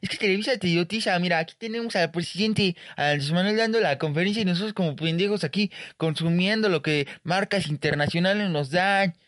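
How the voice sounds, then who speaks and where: A man's voice: sits high, a little fast, hardly any pauses, a bit bright, no echo, pitched above the performer's own voice. A man voicing an indignant young Mexican leftist who rants in slang. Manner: whiny, ranting.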